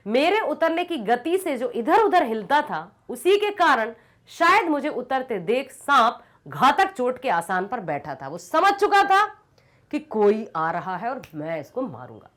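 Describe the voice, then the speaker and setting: A woman teacher reads a story aloud and explains it as she goes, stopping to put questions to her students. Her fairly high voice swings widely in pitch, and she tells the story with drama. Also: sing-song, measured pace, a bit bright. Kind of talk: reading and explaining a Hindi story lesson.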